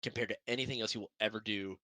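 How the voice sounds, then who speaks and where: A man's voice: lowish voice, steady tone, racing, sharp tone, dry recording. A young man co-hosting a sim racing broadcast, chatting casually and rambling in an upbeat, self-deprecating way. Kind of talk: casual podcast chat.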